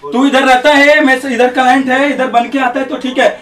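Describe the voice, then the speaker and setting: A man from Bihar working in a small salon, arguing forcefully and bossily, repeating his demands for respect. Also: very high voice, little pitch movement, brisk. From Bihar, India. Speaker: salon barber. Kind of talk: heated argument in a prank video. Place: small salon shop indoors. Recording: echoey room, voice from far off.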